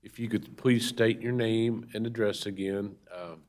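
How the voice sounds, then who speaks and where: A man with a low voice chairs a public meeting. He reads out formal procedure and drops into informal asides as he calls on people. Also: steady tone, unhurried, a little mellow. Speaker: board chair.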